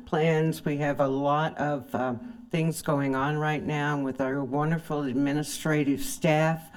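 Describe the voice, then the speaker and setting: A woman giving formal remarks to a committee as a presenting board chair, polite and somewhat halting. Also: deep voice, darkish tone.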